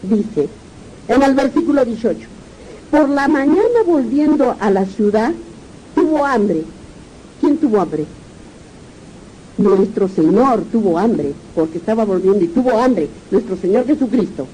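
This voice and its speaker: A woman's voice: on the high side, animated, a little slow, long pauses, mellow, a little hiss or hum, poor audio. A woman pastor with a Peruvian Spanish accent, preaching a sermon, reading verses aloud and asking the congregation questions.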